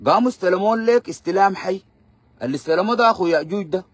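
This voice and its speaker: Brief: Sudanese man, high voice, rapid combative ranting, dry close sound. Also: husky, no echo. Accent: Sudanese Arabic. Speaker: political commentator. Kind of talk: live-stream political commentary.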